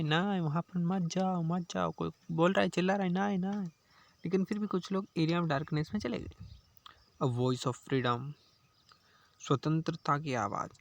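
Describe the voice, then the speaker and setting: Guy with a gravelly, kinda high voice, playful exam tutor doing memory tricks. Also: a bit bright. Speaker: teacher. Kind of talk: exam-prep mnemonic lesson.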